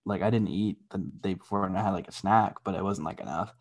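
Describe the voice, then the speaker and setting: A man's voice: low voice, fast, husky. A young man co-hosting a podcast, telling rambling stories in casual chat, swearing a lot and laughing often. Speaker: podcast co-host.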